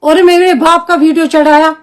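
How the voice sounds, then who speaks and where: A Kashmiri-accented woman with a high voice delivers an angry video statement. She scolds with indignation and piles up rhetorical questions. She speaks as a homemaker and mother. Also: level tone, normal speed.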